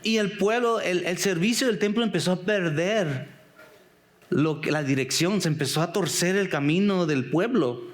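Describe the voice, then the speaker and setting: A man's voice: sits high, normal speed. A man preaches in a loose, conversational way. He keeps calling his listeners brothers and sisters and throws questions at them. Now and then he slips in English slang. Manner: asks the listeners many questions. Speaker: pastor. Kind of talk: conversational sermon.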